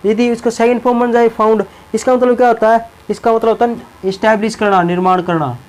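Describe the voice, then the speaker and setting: Male teacher, high-pitched voice, repetitive, explanatory classroom lesson. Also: steady tone, quick pace, low-quality recording. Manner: repeats words and tags lines with a check-in phrase. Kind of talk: classroom lesson explaining English verbs in Hindi.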